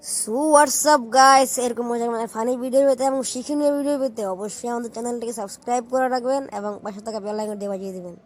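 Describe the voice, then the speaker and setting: A woman's voice: fairly high pitch, fairly quick. A woman hosting a cartoon channel, giving an upbeat outro. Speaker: channel host.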